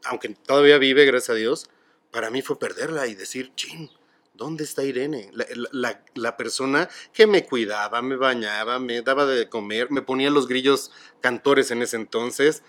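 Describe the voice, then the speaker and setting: Man, Mexican accent, middle-aged, mid-pitched voice, calm, explanatory guest. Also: moderate pace. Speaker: guest speaker on grief. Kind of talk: reflective conversation.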